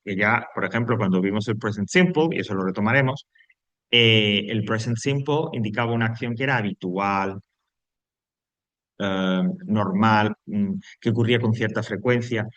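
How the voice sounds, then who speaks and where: A man's voice: on the low side, moderate pace, a bit bright, no echo, dull audio. A man recording an online English grammar lesson for Spanish speakers, patiently repeating each rule step by step. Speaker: English teacher.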